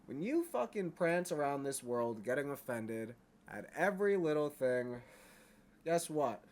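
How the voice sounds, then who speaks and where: A man's voice: on the high side, very animated, unhurried, darkish tone. A man giving a blunt, profane monologue straight to his viewers, often checking in with "all right?". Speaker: vlogger. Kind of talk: unscripted monologue to camera.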